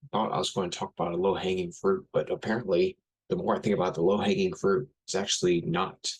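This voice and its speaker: A man's voice: low-pitched, steady tone, fast, breathy edge, low-quality recording. A man in his thirties talking through a rambling, blunt casual monologue, full of fillers and restarts. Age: 30s. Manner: rambling, blunt, frequent fillers and self-corrections. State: has a headache. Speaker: podcast host.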